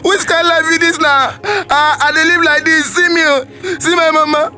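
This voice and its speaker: An actor plays a despairing young Nigerian man pleading in Pidgin. His voice is extremely high, sharp and tense, stammering in anguish over faint music. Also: little pitch movement, normal speed, full character voice. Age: young adult. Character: despairing jobless young graduate son, fed up. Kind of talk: dramatic acting in Nigerian Pidgin.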